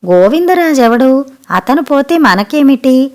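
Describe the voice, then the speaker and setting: A woman's voice: mid-range voice, moderate pace, a little mellow, close to an everyday voice. A woman reading a story aloud, voicing a middle-aged uncle who protests firmly and with annoyance. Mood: protesting. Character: middle-aged uncle, firm but reasonable.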